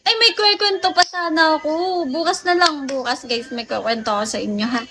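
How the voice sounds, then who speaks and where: A woman's voice: high voice, fairly quick, pushed and bright. A woman from the Philippines chatting casually with viewers on a late-night phone livestream, telling stories and laughing often.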